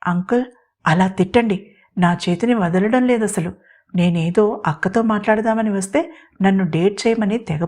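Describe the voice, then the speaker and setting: Give me a bold scheming young woman, read by a female storyteller, bossy and quick to scold. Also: mid-range voice, darkish tone, close to an everyday voice.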